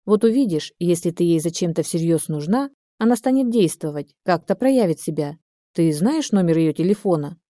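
A woman reading the part of a calm, helpful German man in an audiobook, steady and reassuring. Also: on the low side, normal speed, no room sound, clean studio sound, close to an everyday voice.

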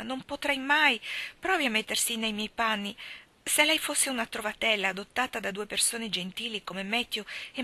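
A woman's voice: fairly high pitch, sharp tone. A woman voicing a dramatic, emotional orphan girl in a storybook reading, with a theatrical, impassioned manner.

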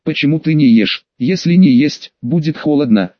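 A man's voice: on the high side, animated, normal speed, dry recording, lo-fi sound, close to an everyday voice. Man reading as a timid, whispering younger beggar girl. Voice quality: clear, ringing.

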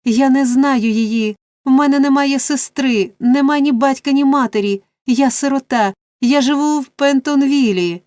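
A woman's voice: high-pitched, very animated, a little slow, no echo, studio quality, voice pushed up. A woman doing a frightened young orphan boy. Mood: desperate. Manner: panicked shouted protests.

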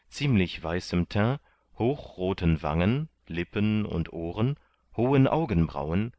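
A man reads a classic novel aloud in a measured, even storytelling manner. His voice is very deep and he takes his time over each phrase. The recording is dry and close, with no room sound. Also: no echo. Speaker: audiobook narrator. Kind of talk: scripted narration of a classic novel.

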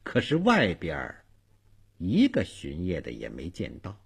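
Husky, slow-paced male storyteller. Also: deep voice, huge pitch swings. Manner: dramatic, slow and swooping delivery. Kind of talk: traditional storytelling narration.

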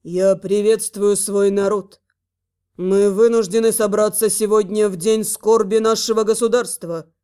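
A woman voicing a stern young king whose voice is magically amplified as he proclaims slowly and solemnly to a crowd, in an audiobook of a fantasy novel. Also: mid-range voice, steady tone, dark tone, pitched below the performer's own voice. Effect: voice magically amplified, carrying far over a square.

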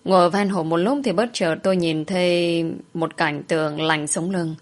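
A woman's voice: fairly low pitch, steady tone, normal speed. A woman narrating a first-person story, dramatically voicing the heroine's fears.

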